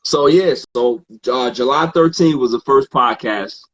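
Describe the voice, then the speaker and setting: A man guesting on a podcast, telling stories in a relaxed, casual way and acting out what others said. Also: medium pitch, unhurried, muffled recording. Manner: relaxed, quotes others in animated asides, frequent fillers. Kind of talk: casual storytelling in conversation.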